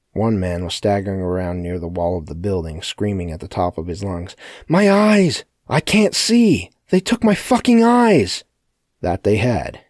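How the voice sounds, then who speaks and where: A man narrating a story as an audiobook in a steady, matter-of-fact way. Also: sits low, slightly rough, no echo, studio quality. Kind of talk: scripted narration.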